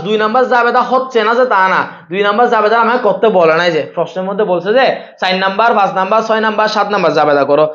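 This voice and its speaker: Guy teaching accounts on a live class, high voice, talks super fast, dull lo-fi stream audio. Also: fairly bright tone. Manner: rapid-fire, repeats himself and quizzes students.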